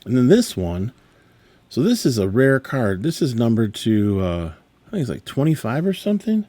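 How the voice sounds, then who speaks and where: A man's voice: mid-range voice, big pitch swings, normal speed, mellow, no room sound. A middle-aged man talking casually, rambling and exasperated, correcting himself often as he reacts to graded sports cards. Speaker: sports card dealer. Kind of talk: casual card grading reveal vlog.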